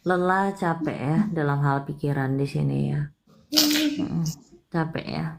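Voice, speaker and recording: A woman's voice: sits low, moderate pace, creaky, darkish tone. A woman hosting a palm-reading live stream, speaking in a tender, coaxing way. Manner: coaxing, tender, calls the caller "sayang".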